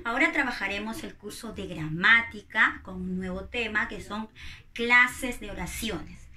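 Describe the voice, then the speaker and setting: A woman's voice: medium pitch, pushed and bright, echoey room. A woman primary school teacher, giving a recorded grammar lesson to young children and patiently asking questions that she answers herself.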